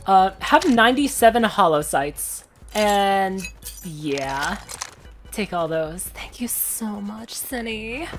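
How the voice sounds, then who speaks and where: A man's voice: high voice, expressive, slow pace, soft background music, voice pushed up, heavily acted. A man talking through a voice changer filter that makes him sound like a girl, playfully pushing items on strangers in casual in-game trolling chat. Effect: voice changer filter making him sound like a girl.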